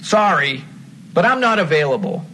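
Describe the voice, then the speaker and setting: Man acting a bright-voiced, wary husband. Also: a little high, very animated, moderate pace, a little hiss or hum. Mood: firm, exasperated. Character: married man, wary, exasperated, firm with stalker. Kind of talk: dramatic scripted dialogue.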